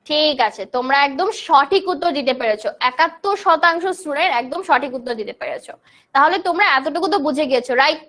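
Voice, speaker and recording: A woman's voice: sits high, fast talker, a bit bright. A young woman from Bangladesh teaching a live online grammar class, explaining terms and answering students' chat questions.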